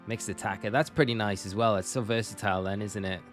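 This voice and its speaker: A young man with a lowish voice chats loosely with his viewers, often correcting himself mid-sentence. His talk rambles in an easy live-stream style, with faint music playing underneath. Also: fairly even intonation, fast. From Northumberland, England. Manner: chatty, rambling, self-correcting.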